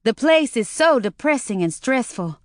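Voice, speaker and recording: A woman's voice: on the high side, very animated, normal speed, no room sound, studio quality, voice pushed up. A woman doing a chatty young receptionist with a slight Chinese-southern lilt. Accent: slight Chinese accent with southern drawl.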